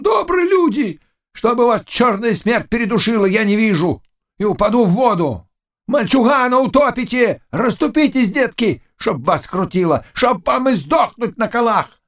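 A male narrator voicing a boisterous old nobleman who shouts and curses crudely in a high, strained voice. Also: very animated, moderate pace, heavily acted. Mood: bellowing.

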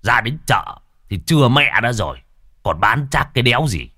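A man voicing a crude, gruff middle-aged father who talks bluntly and fast. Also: medium pitch, sing-song, pushed and bright, no room sound, clean studio sound, exaggerated voice. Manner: crude, blunt, quick-talking.

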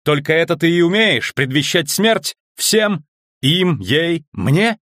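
A man's voice: medium pitch, slow, no echo, clean studio sound, pitched above the performer's own voice. Man voicing a desperate commanding sorceress. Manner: loud, urgent, pleading. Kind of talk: audiobook reading.

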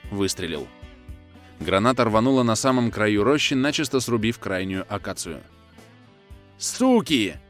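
Low-voiced male audiobook narrator. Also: expressive, moderate pace, fairly bright tone, soft background music. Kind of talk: first-person war novel narration.

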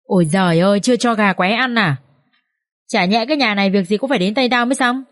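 A woman voicing a sharp-tongued older village mother-in-law in a storybook reading, scolding and shrill. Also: fast, natural voice.

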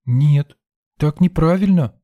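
A man voicing a small frightened, stubborn little girl in an audiobook, squeaky and tearful. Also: slow pace, narrow, tinny audio. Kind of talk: audiobook character voice.

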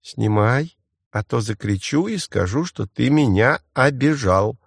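A man's voice: mid-range voice, lively intonation, a little slow, vocal fry, breathy edge, no echo, clean studio sound, heavily acted. A man reading an audiobook voices a small, stubborn little girl who bosses and scolds. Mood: bossy. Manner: bossy, scolding, matter-of-fact.

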